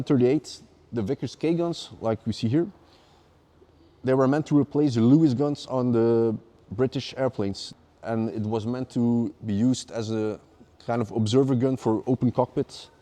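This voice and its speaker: A man's voice: medium pitch, warm tone. A man co-hosting, explaining casually and repeating words as he restarts. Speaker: co-host.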